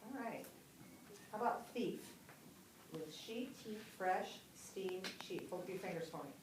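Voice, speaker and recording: A woman's voice: fairly low pitch, unhurried. Teacher woman in a roomy classroom. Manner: patient, prompting and questioning. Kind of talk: classroom phonics lesson. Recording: roomy classroom audio, mic far off with steady noise.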